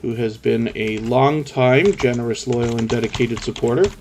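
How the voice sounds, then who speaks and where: A man's voice: mid-range voice, moderate pace, darkish tone, slight background noise. A man hosting a live stream in a chatty way, explaining things in long, run-on stretches.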